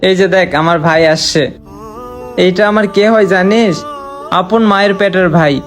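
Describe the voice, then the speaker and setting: A man's voice: high voice, steady tone, normal speed, natural voice. A young man, acting as an earnest, sorrowful man back home after years abroad, talking in a heartfelt, pleading way. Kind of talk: amateur short-film acting. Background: faint background music.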